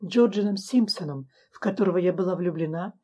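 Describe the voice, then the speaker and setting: A heartfelt, emotional young woman in love, as a woman narrator reads her in a storybook reading. The voice is low and warm, with a husky grain. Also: fairly quick.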